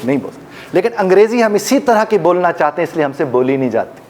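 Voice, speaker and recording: A man's voice: high voice, very animated, quick pace, darkish tone, slight background noise. A man teaching a live workshop audience, demonstrating pronunciations and joking with the room. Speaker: life coach and trainer.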